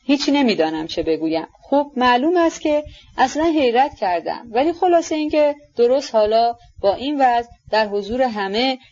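A woman's voice: on the high side, expressive, a little mellow, lo-fi sound. A woman reading as a flustered, stammering nobleman. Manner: faltering, mumbling.

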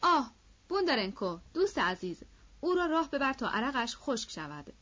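A woman voicing a cheerful, friendly young male cavalry officer in an audiobook, speaking with a bright, brotherly warmth. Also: a little high, sing-song, highs cut off. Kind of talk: audiobook character voice.

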